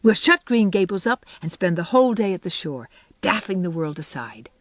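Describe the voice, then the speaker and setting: A reader putting on a dreamy, imaginative young woman who gushes eagerly, her voice lifting higher than the narration. The recording is dry and close. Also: sing-song, normal speed, no echo. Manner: wistful and gushing, rising in pitch. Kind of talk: audiobook character voice.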